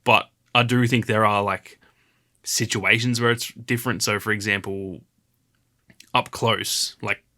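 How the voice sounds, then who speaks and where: A man's voice: lowish voice, measured pace. A man co-hosting a gaming podcast, chatting casually in a rambling way full of fillers. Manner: rambling, filler-heavy, animated retelling. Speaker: podcast co-host. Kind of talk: casual chat.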